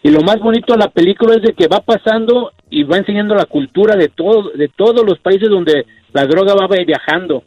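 A man, co-hosting a radio show and talking in halting, repeated phrases. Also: sits high, no room sound. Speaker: radio co-host. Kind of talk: casual radio chat. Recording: dull radio audio with faint music.

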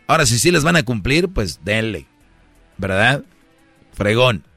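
A man's voice: mid-range voice, sing-song, measured pace, vocal fry, pushed and bright, no room sound, faint music behind. A man with a Mexican accent, hosting a casual chat and giving brash, slangy dating advice with acted-out quotes.

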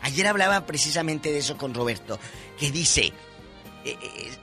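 Bright, animated high-voiced Mexican man. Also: moderate pace. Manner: playful, teasing, colloquial. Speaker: radio co-host. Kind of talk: casual radio chat. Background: faint music.

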